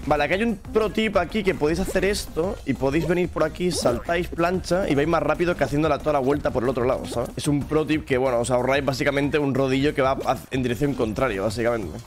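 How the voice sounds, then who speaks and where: A young adult man from Spain, with a Spain Spanish accent, commentates his own gameplay in an upbeat, chatty way, talking straight to viewers despite a lingering cough. He speaks fast with hardly any pauses into a boom-arm studio mic, wearing a headset, in a home gaming room lined with shelves of figures, as soft music plays.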